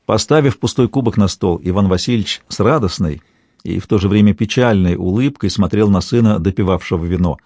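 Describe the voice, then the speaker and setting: A man narrating a historical novel in a measured, even reading. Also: fairly low pitch, dry recording, clean studio sound. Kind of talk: scripted audiobook narration.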